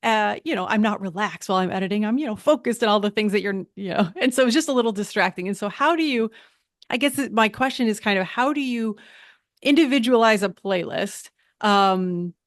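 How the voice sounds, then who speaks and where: Podcast host, woman, mid-pitch, talkative, trails off and restarts often. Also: fairly quick, no echo, studio quality. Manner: chatty, self-interrupting with frequent restarts. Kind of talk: conversational interview.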